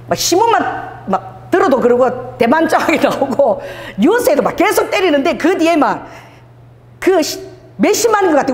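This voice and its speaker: A woman pastor preaching a sermon, telling stories animatedly, laughing often and acting out dialogue. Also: sits high. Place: church sanctuary. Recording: reverberant church hall.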